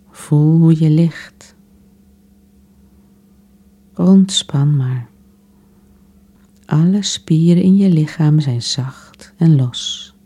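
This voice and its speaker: A woman softly guiding a relaxation exercise in a soothing, unhurried way, with long pauses between phrases. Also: deep voice, slightly rough. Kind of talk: guided relaxation meditation.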